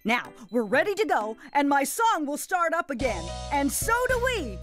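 Grandma Nutt, a high, swooping jolly granny. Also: female voice, big pitch swings, normal speed, music in the background. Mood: cheerful, instructive. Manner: folksy, gleeful, exclamatory, chuckling. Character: jolly, doting, slightly nutty grandmother game host. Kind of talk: animated children's game narration.

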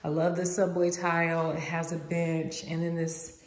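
A young woman from the American South, low-voiced and chatty, vlogs a casual walk-through of an empty house with bare rooms. Her delivery is flat at a moderate pace, yet she's enthusiastic and says "like" a lot. She records indoors on a phone camera held while walking, and the rooms are echoey.

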